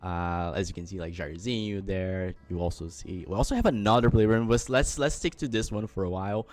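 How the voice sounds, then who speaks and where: A man's voice: deep voice, fairly quick. A man co-hosting a mobile game livestream, talking loosely with many fillers while giving players advice. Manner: relaxed, filler-heavy, advising viewers. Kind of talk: casual livestream chat.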